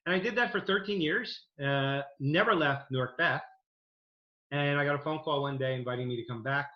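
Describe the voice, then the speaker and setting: A man in his fifties from New Jersey, a dental program director, telling his story earnestly over a video call with many fillers. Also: mid-range voice. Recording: echoey, dull video-call audio.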